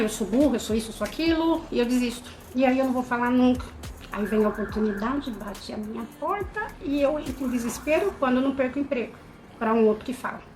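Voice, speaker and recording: Animated Brazilian teacher woman, lively voice. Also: on the high side. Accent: Brazilian Portuguese. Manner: animated, encouraging, rhetorical questions, acts out students' thoughts. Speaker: English teacher. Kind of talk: live-stream lesson, casual talk to viewers.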